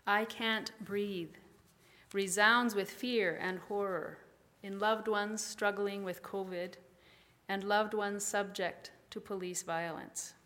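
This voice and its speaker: A woman pastor preaches a calm, measured sermon in a mid-range voice, guiding her listeners through slow breathing exercises.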